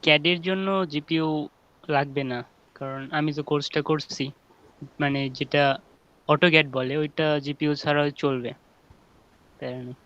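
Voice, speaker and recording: A man's voice: on the high side, steady tone, normal speed, long pauses, fairly bright tone, clean tone. A young man chiming in casually in an online Q&A to reassure others. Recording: dull call audio.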